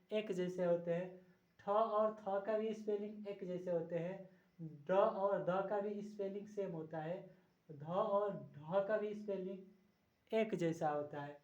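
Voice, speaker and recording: A woman teaching spelling in a patient, step-by-step lesson, repeating each sound slowly. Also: mid-range voice, darkish tone. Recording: dull, echoey room.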